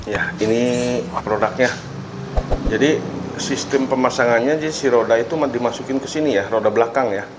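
A DIY channel host in his forties runs a casual review vlog from an indoor workshop with tools hanging on the wall, chatting and walking through things step by step with friendly asides. His voice is medium-pitched at a moderate pace, against a noisy background.

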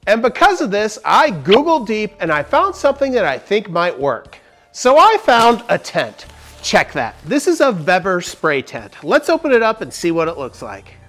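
In a roomy barn workshop, the forty-something woodworking host reviews tools casually, his high-pitched voice moving at normal speed. He's lively and swinging in delivery, joking and explaining, with faint music under his lapel mic.

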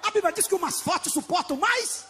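High-voiced, fiery Brazilian pastor preaching. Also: male voice, lively intonation, a little fast. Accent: Brazilian Portuguese. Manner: shouts and sings out key phrases. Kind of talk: impassioned Pentecostal sermon.

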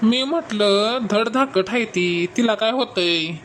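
A woman's voice: on the high side, unhurried, a bit bright, a little hiss or hum. A woman playing a sheepish, stammering husband. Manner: hesitant, stammering, placating. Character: bumbling middle-aged husband, sheepish and evasive. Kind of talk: comic skit acting.

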